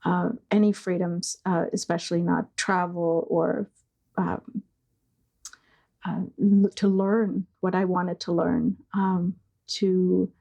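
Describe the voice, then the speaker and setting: A middle-aged woman originally from East Germany talks as an interview guest, slow and searching, with frequent fillers and pauses. Her tone is mellow and dark, with a gravelly fry, and her pitch stays flat and even. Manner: slow, hesitant, with many fillers. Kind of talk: reflective conversation.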